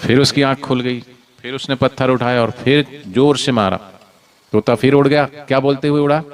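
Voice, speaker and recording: Lively male devotional storyteller. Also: medium pitch, normal speed. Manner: animated, call-and-response prompts. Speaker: spiritual storyteller.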